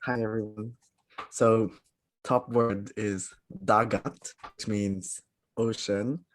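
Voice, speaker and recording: Informal low-voiced male co-teacher. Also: fairly even intonation, takes it slowly. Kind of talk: online language class.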